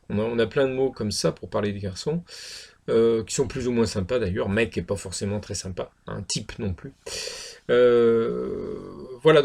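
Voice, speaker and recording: Middle-aged guy teaching slang, raspy gravelly voice, repeats stuff a lot, lots of ums. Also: medium pitch, darkish tone. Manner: repeats phrases, lots of fillers. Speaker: English teacher. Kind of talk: casual spoken lesson.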